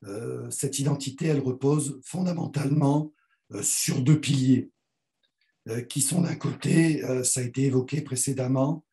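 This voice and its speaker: Hoarse man, dark mellow tone, halting academic delivery, frequent throat clearing, video call. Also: mid-range voice, steady tone. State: hoarse, croaky voice from a lost voice. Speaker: university professor and guest speaker. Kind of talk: academic talk, thinking aloud.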